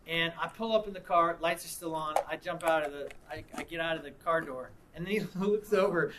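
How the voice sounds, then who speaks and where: High-voiced man preaching a story. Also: fairly quick, noisy background. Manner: conversational, repeats and restarts words. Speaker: pastor. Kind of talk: sermon told as a personal story.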